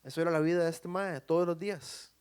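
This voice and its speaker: A man delivering a sermon in an animated, conversational way. He keeps checking in with his listeners as he builds his point. His voice sits a little high. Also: fast, clear, resonant tone. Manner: animated, often asks the audience "right?". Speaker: preacher.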